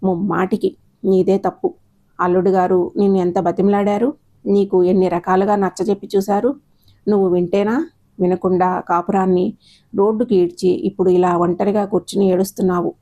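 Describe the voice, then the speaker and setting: A woman's voice: medium pitch, level tone, fairly quick, dark tone, lightly acted. A woman voicing a stern older mother who lectures her grown daughter firmly in an audio story. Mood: reproachful. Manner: lecturing, firm and reproachful. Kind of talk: storybook narration, acted dialogue.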